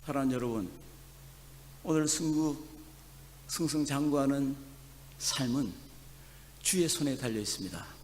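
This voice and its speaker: A man from Chungcheong preaching as pastor, moving between soft, quiet asides and loud, emphatic passages. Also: mid-range voice, measured pace, pauses often, a little hiss or hum. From Chungcheong, South Korea. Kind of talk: sermon. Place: church sanctuary. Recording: long church hall reverb.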